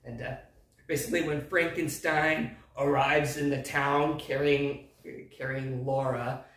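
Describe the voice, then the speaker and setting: A man's voice: medium pitch, flat delivery, a little slow, a bit bright. A man hosting a casual movie recap who rambles and hesitates, full of fillers. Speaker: movie review host. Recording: echoey room, distant mic.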